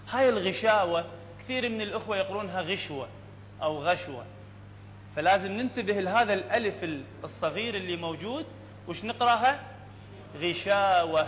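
A man with an Iraqi accent teaching Quran recitation in a classroom lesson, explaining step by step and often checking that it is clear. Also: high-pitched. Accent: Iraqi Arabic. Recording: echoey hall, dull lo-fi sound, faint room noise.

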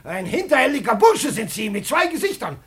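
A spiteful landlord neighbor in an old radio play. His voice is strikingly high and sharp, jumping about in pitch. He sneers and shouts taunts. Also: big pitch swings, brisk, exaggerated voice. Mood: raging. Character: resentful, spiteful landlord neighbor, adult man. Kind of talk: 1950s radio play acting.

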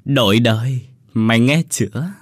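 A man voicing a boozy, impatient older male thief who talks gruffly and blusters. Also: mid-range voice, moderate pace, no room sound, studio quality, natural voice.

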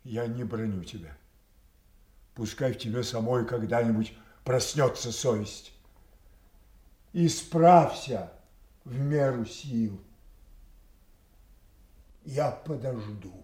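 An actor playing a proud, wounded old king in a classical audio tragedy, declaiming haltingly between hushed grief and thundering rage at his daughters. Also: mid-range voice, close to an everyday voice. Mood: grieving, bitter. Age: older. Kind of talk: Russian classical stage tragedy acting, audio play. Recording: roomy, echoing studio audio play.

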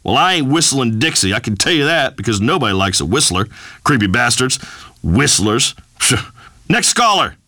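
A blustering macho radio host. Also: male voice, medium pitch, very animated, normal speed, sharp tone, dry recording. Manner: blustering, pompous pronouncements. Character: boorish macho rural male radio host. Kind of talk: comedic talk radio monologue.

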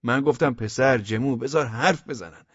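Man doing a short nervous gendarme babbling out his story, voice pushed up high, a bit husky, dry dull recording. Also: a bit bright, dry recording. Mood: pleading. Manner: breathless, pleading storytelling.

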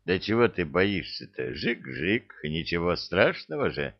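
A man voicing a big, lumbering young soldier who teases in a slow drawl. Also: sits low, big pitch swings, muffled recording, full character voice. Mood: teasing.

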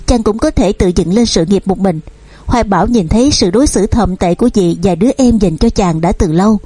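A woman narrating a novel as an audiobook reader, in a steady storytelling manner. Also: medium pitch, a little fast, husky, no room sound. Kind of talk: novel reading.

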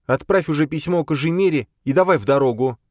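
A man reading an audiobook and voicing an impatient young woman with shrill, indignant outbursts. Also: fast, no echo, studio quality, close to an everyday voice. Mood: heated.

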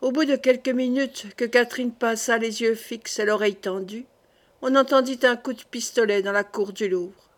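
A woman narrating a classic novel as an audiobook, in a steady, clear reading. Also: on the high side, normal speed.

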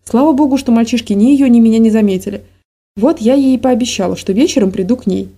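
A woman's voice: a little high, fast, dark tone, husky. Woman voicing a tearful frightened village wife. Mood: anxious. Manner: tearful, rambling, anxious.

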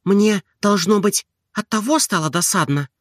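A man's voice: dry recording, studio quality, close to an everyday voice. Olga, a proud young woman voiced by a man. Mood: flustered. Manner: high, quick and lively, flaring up. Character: young woman, proud, touchy, quick to take offence. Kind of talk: audiobook character reading.

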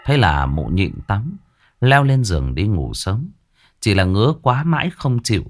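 A man tells a ghost story. His voice sits low, and his pitch swings widely as he builds the scenes. The narration is scripted and dramatic. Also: very animated, unhurried.

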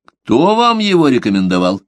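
A man's voice: medium pitch, wildly swooping pitch, moderate pace, no room sound, pitched above the performer's own voice. A man reading a grim, probing inquisitor. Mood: interrogating. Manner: cold probing interrogation. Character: stern grim male inquisitor, older cleric. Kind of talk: audiobook character reading.

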